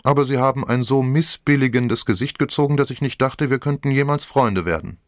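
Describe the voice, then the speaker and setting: In an audiobook, a man voices a flippant, teasing girl of about seventeen, speaking in a theatrical, mock-dramatic way with a playful mood. His medium-pitched voice is pitched above his own but stays close to an everyday voice, fairly quick, with no echo and studio quality.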